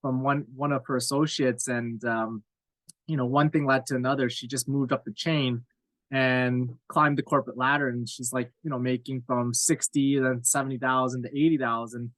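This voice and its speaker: A man's voice: medium pitch, steady tone, normal speed, fairly bright tone, dry recording, rough recording. Candid rambling man in his thirties. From Cape Breton Island, Nova Scotia, Canada. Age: 30s. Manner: candid, rambling, self-deprecating with frequent fillers. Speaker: podcast guest. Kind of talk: casual interview chat.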